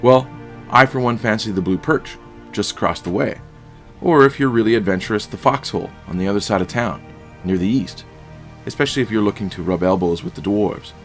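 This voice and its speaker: A man's voice: fairly low pitch, brisk, soft background music, lightly acted. A man voicing a chatty hobbit innkeeper. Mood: welcoming. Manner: folksy, rustic talk.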